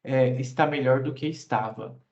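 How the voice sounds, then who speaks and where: A man's voice: mid-range voice, normal speed, darkish tone, highs cut off. A man teaching English in an online class, patiently explaining grammar at length and asking students questions.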